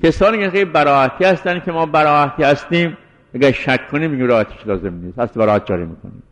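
A man giving a deliberate scholarly lecture as a seminary teacher, explaining and restating his points. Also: on the high side, expressive, fairly bright tone. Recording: dull lo-fi recording in a reverberant hall.

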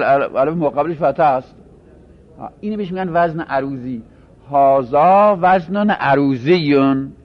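Man lecturing, dull lo-fi recording. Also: mid-range voice. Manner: explains by repeating phrases and asking himself rhetorical questions. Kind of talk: classroom lecture on Arabic grammar.

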